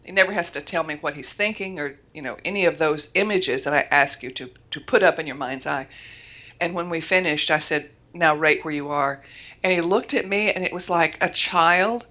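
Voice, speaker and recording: Florida woman guest telling a story, bright and forceful voice, lowish. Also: brisk. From Florida, USA. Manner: lively storyteller, self-correcting, laughs often. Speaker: guest, mindset coach. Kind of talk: storytelling in an interview.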